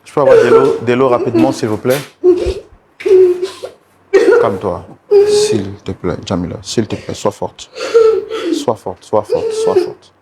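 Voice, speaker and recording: A male talk show host begs over and over for calm, his voice swinging widely up and down. He talks on a television studio set. There is clear noise behind him. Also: mid-range voice, unhurried. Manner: pleading, repeats the same words over and over. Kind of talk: consoling a distressed guest.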